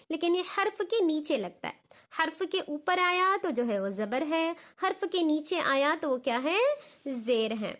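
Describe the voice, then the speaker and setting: A woman with a Dakhni Urdu accent teaching Quran reading, who spells each syllable twice, patiently and deliberately, and then explains in quick asides between drills. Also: high-pitched, fairly bright tone. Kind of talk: slow repeat-after-me recitation lesson.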